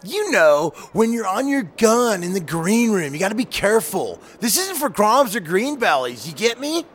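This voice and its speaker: Stoked surfer dude, drawling slang, animated pitch, radio parody interview, background ambience noise. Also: male voice, normal speed. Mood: earnest. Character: laid-back gung-ho male surfer dude, contest organizer.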